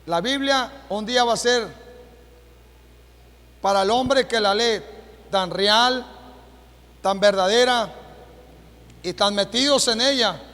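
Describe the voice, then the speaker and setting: A Mexican man preaching a sermon as pastor, with a Mexican Spanish accent, asking the congregation rhetorical questions and rising to shouts. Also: high voice, slow, pauses often. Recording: long hall reverb.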